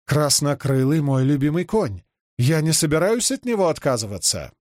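A man's voice: fairly high pitch, expressive, moderate pace, no room sound, clean studio sound, close to an everyday voice. A man reading the lines of an arrogant, hot-tempered young noblewoman who exclaims indignantly, in an audiobook. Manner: arrogant, shouting.

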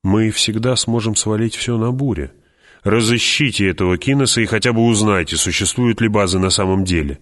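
A man's voice: lowish voice, brisk, a bit bright, voice pushed up, natural voice. A man reading an audiobook, voicing a decisive noble duke who speaks firmly and with dry irony. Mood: commanding.

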